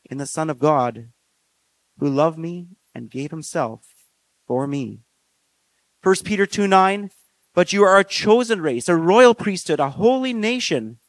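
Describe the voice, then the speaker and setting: A man preaching a sermon in an earnest, measured way, slowing down on key phrases. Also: a little high, no echo. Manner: earnest, measured delivery with slow emphatic phrases and frequent fillers.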